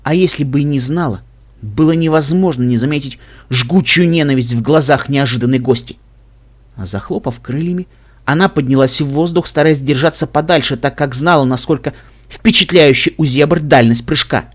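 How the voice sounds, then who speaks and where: A man's voice: fairly high pitch, moderate pace. Man reading an audiobook evenly. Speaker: audiobook reader. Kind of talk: scripted narration.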